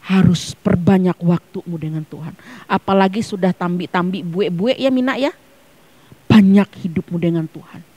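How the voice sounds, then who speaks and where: A woman pastor preaching a sermon at a church service. She is emphatic, swinging between hushed near-whispers and loud, fervent peaks. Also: lowish voice, moderate pace.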